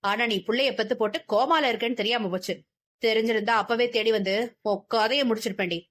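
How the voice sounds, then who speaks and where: A woman's voice: a little high, steady tone, brisk, fairly bright tone. A woman voicing a menacing, vengeful young man who taunts and threatens in an audiobook.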